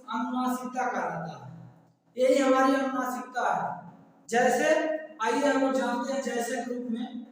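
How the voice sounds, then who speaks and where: A man teaching grammar in a classroom style, explaining slowly with repeated examples and addressing viewers as friends. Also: very high voice, slight background noise. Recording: echoey distant room sound.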